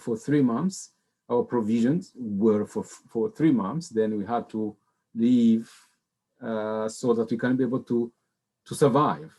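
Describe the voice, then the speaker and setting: A middle-aged man from Rwanda speaks as a panelist, his voice mellow and relaxed at an ordinary pitch. He talks in a measured, halting way and often restarts his words. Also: vocal fry, slightly rough. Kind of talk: personal testimony on a panel.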